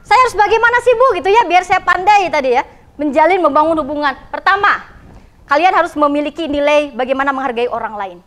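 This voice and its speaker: A woman with a West Javanese accent teaches her class in a high, clear voice. She keeps turning to the students with quick questions and small tags like "ya" and "gitu" as she explains. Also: fairly bright tone. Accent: West Java. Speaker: vocational school teacher. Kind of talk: classroom lesson.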